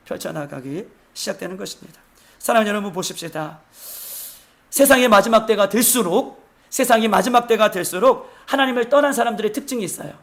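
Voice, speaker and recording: A man's voice: very high-pitched, a bit bright. A male pastor delivering a sermon at a church retreat, repeating phrases for emphasis and throwing rhetorical questions to the congregation.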